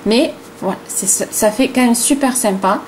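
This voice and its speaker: A woman's voice: on the high side, moderate pace, a little mellow, a little hiss or hum. A middle-aged woman with a regional French accent, hosting a casual crochet tutorial and talking in a chatty way, full of fillers like "hein" and "voilà".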